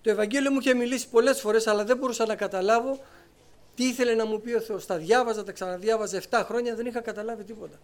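High-voiced man telling his testimony. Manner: lively storyteller, acting out conversations. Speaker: church member giving testimony. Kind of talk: personal testimony to a congregation.

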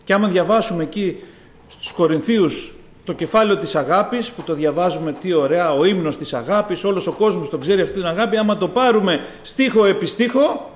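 Male preacher, high-pitched, exhorting sermon, roomy church sound. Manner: earnest, exhorting, acts out quotes with rising fervor.

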